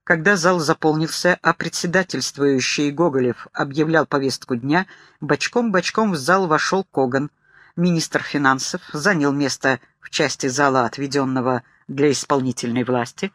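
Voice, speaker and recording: A man reading an audiobook in dramatic, steady scripted narration. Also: on the high side, normal speed, no room sound, clean studio sound.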